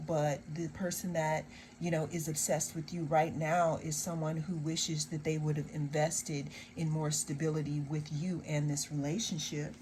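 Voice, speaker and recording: Slow, emphatic woman tarot reader. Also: deep voice, darkish tone, slight background noise, poor audio. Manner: slow, emphatic, drawn-out phrases with repeated refrains; sarcastic asides. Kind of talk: tarot card reading to viewers.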